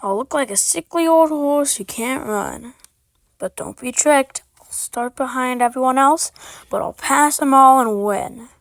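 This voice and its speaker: A man's voice: extremely high pitch, measured pace, vocal fry, fairly bright tone, no room sound, voice pushed up, full character voice. A man voicing an eager, scheming young shapeshifting boy in a fireside folktale. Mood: confident, scheming.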